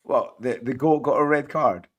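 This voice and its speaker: A man with a Scottish accent hosts a football chat in a hoarse voice worn out from shouting. He rambles in a matey, enthusiastic way, at a middling pitch. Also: normal speed. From Scotland. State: hoarse, voice partly lost from shouting. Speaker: podcast host. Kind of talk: casual fantasy football chat.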